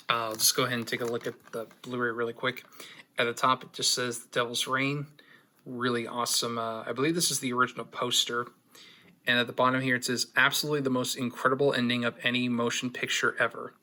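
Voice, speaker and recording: A man's voice: medium pitch, sharp tone. A man hosting his own unboxing video, chatting casually with lots of fillers and dry, sarcastic asides.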